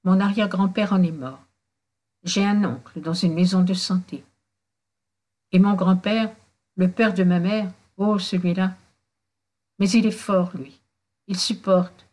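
A woman voicing a remorseful young man who drinks, speaking sadly in halting phrases in a storybook reading. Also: fairly low pitch, fairly even intonation, a little mellow. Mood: confessing. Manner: halting, contrite, sad.

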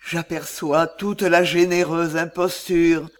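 A man's voice: a little high, flat delivery, takes it slowly. A man playing Roxane, a loving, grieving young noblewoman, delivering verse in an earnest, emotional way. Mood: realizing. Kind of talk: stage play reading.

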